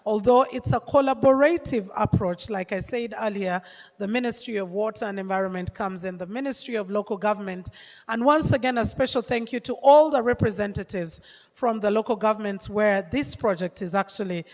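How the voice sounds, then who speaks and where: Woman emceeing in a hall. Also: mid-range voice. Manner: upbeat, chatty, addresses the crowd directly. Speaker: master of ceremonies. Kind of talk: emceeing a live event. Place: large conference hall. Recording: long reverb of an event hall.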